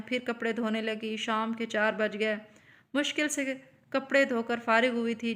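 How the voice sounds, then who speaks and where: A woman telling an emotional story as scripted narration, in a steady storytelling manner. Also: on the high side.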